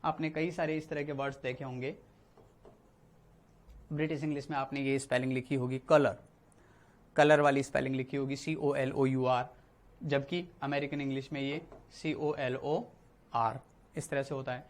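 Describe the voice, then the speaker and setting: A man's voice: medium pitch, level tone, moderate pace, pauses often. Man teaching English, step by step. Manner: explains step by step, repeats words, says "ठीक है" often. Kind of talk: spoken Hindi classroom lesson.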